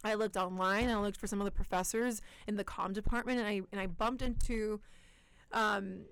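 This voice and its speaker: Animated young woman telling her story. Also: mid-range voice, a little fast, clean tone. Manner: animated storytelling, emphatic repetition. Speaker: interview guest. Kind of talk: casual interview.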